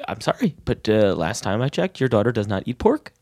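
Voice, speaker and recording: A man's voice: on the low side, big pitch swings, brisk, darkish tone, no room sound, clean studio sound. A man improvising a prim, evasive daycare manager who turns flustered and defensive. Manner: flustered, defensive, falsely polite. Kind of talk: improv sketch.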